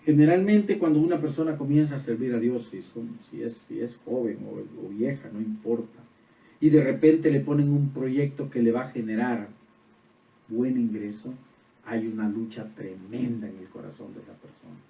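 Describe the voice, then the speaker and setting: A man's voice: medium pitch, normal speed, gravelly. Man preaching in an echoey room. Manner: preaching, rising to loud emphatic peaks. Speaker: pastor. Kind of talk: sermon. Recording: roomy echo, voice from far off.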